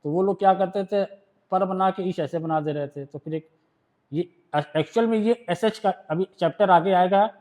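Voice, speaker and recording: His voice sits high with a darkish tone as this Indian-accented man teaches shorthand in a classroom. He takes the rules one step at a time, reading them slowly in English and explaining in Hindi, and regularly asks whether students have understood.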